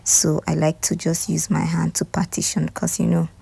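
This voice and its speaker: A Nigerian woman talking viewers through a hair tutorial in a casual voice-over, often dropping into soft, half-whispered asides. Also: low voice, completely flat delivery, normal speed, creaky, breathy edge.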